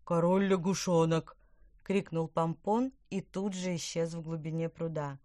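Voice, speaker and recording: A woman narrating a children's storybook in an even, clear manner. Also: sits low, normal speed, no room sound, clean studio sound. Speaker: audiobook narrator. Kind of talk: scripted narration.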